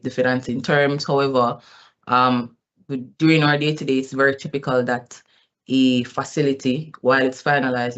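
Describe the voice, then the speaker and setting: On an earnings call heard through somewhat dull, lo-fi audio, an executive responds to questions at a middling pitch. His delivery is explanatory and full of formal corporate wording.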